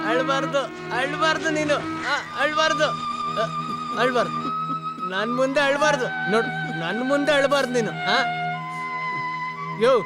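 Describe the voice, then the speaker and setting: A high-voiced rambling drunk brother. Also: male voice. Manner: rambling, repeats himself, pleading. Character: drunk, debt-ridden younger brother, emotional. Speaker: film character in a dub. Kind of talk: dubbed film acting. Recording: loud film score behind the voice.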